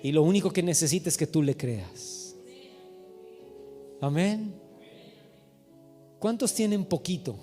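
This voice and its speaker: A man preaching a sermon as pastor, animated and calling his listeners brother. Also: a little high, takes it slowly, pauses often. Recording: reverberant hall with soft music.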